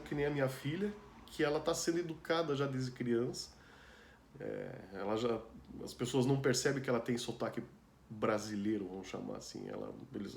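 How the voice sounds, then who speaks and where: A man's voice: medium pitch, darkish tone, slight background noise. Chatty Brazilian man in an echoey room. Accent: Brazilian Portuguese. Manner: chatty, loose, full of asides and "né" tags, laughs often. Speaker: guest telling a personal story. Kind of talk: casual storytelling chat. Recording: roomy echo with faint ambience.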